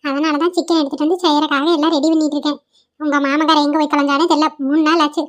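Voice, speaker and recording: A woman's voice: high voice, level tone, racing, natural voice. A woman voicing a sentimental, scolding elderly grandmother in a cartoon, lamenting and grumbling aloud. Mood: fussing. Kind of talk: cartoon voice acting.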